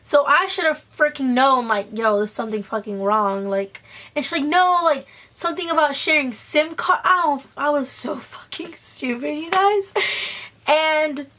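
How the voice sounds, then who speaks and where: A woman's voice: high voice, animated, normal speed, sharp tone. A young woman telling a casual, gossipy storytime in a slangy, self-mocking way, swearing and acting out the dialogue. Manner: acts out quoted dialogue. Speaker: vlogger.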